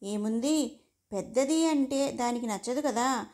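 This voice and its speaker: A woman's voice: fairly high pitch, measured pace, a little mellow. A woman voicing a middle-aged mother in a storybook reading, scolding sharply in a raised voice. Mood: coaxing.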